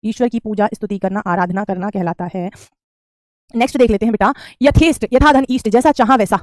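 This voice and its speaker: A woman's voice: mid-range voice, brisk, a little mellow, no echo, studio quality. A woman, teaching Hindi spelling in an online class, repeating each word and calling students beta. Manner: repetitive drilling, calls students beta.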